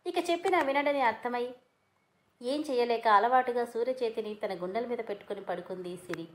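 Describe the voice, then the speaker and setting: A woman storyteller reading a romance story aloud in a steady, even manner. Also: on the high side, fairly quick. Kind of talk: scripted story narration.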